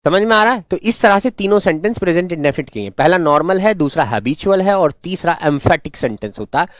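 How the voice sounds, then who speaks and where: A man's voice: high-pitched, animated, fast talker, no room sound. Male grammar teacher, patient and repetitive, dry close sound. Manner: patient, repetitive, calls students "son". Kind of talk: online class lecture.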